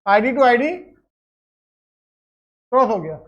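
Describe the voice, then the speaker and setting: A woman's voice: on the high side, lively intonation, takes it slowly, dull audio. A woman teaching a lecture step by step, often checking that students follow. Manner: explains step by step, checks with "clear?". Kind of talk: classroom lecture.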